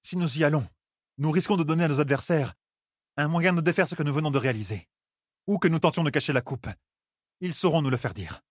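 A man voicing a calm warrior woman. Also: on the high side, no echo, clean studio sound, voice pushed up, natural voice. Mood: calm reasoning. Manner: measured, reasoning, steady.

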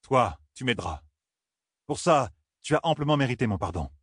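A man voicing a young male hero in an audiobook, stern and commanding, rising to shouts when angered. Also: medium pitch, very animated, normal speed, husky, no echo, studio quality, pitched above the performer's own voice.

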